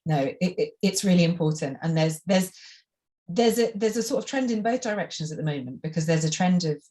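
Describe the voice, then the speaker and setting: A woman hosting an interview, asking thoughtful, measured questions with some restarts. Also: low-pitched, darkish tone. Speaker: interview host. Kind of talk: conversational interview.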